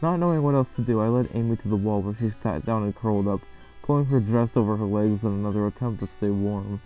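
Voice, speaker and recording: Speaking quickly in a lowish register, a man gives a dramatic reading of a creepy horror story, then offers a casual reaction once it ends. Loud, eerie game music sits under the muffled, lo-fi audio.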